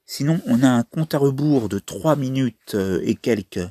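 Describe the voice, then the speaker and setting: A man's voice: mid-range voice, expressive, moderate pace, dark tone, no room sound. A man giving casual commentary on a mobile trivia game, thinking aloud as he plays. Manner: chatty, thinks aloud while playing. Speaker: mobile game video maker.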